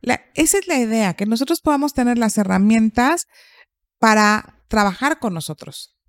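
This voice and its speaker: A woman psychologist, calmly explaining and asking rhetorical questions in a podcast conversation. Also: fairly high pitch, normal speed, no echo, studio quality. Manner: calm, explanatory, asks herself rhetorical questions.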